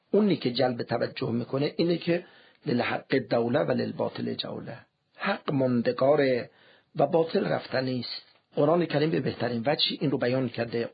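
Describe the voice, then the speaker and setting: A man delivering a formal religious lecture in a measured way, quoting scripture as he goes. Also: medium pitch, gravelly, husky, highs cut off.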